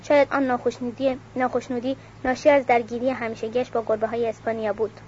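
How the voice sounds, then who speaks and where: A woman reading a novel aloud at a measured pace, announcing page numbers, on a dull recording with faint hiss. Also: on the high side, flat delivery, a little mellow. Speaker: audiobook reader.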